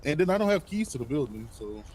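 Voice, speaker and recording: A man's voice: fairly high pitch, sing-song, fast talker, darkish tone. Young guy doing an in-game deputy, lots of ums, noisy traffic behind. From Baltimore. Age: young adult. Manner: hesitant, full of ums and likes. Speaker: role-play player as a sheriff's deputy. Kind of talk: in-character game role-play.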